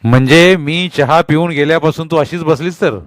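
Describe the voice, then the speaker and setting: A man voicing a harsh, angry middle-aged husband who shouts and scolds his wife, raising his voice high and loud. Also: moderate pace, clear, resonant tone, no room sound, lightly acted. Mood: angry shouting.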